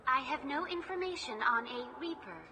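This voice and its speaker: A woman's voice: high-pitched, animated, normal speed, a crowd in the background. A woman voicing a polite female AI information hologram who speaks in formal, scripted phrases. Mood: courteous.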